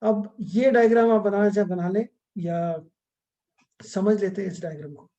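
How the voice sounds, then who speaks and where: A man's voice: high voice, steady tone, moderate pace, warm tone, highs cut off. A middle-aged man teaching an astrology class over a video call, explaining step by step and mixing English terms into his talk. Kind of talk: online class lecture.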